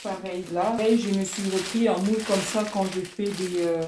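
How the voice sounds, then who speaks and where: A woman's voice: mid-range voice, normal speed. Young woman vlogging, bubbly and rambly, lots of ums, echoey room with crinkly packaging noise. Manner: chatty and excitable, with many fillers and repeated words. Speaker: small-business vlogger. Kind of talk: casual vlog chat. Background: crinkling packaging and clicks.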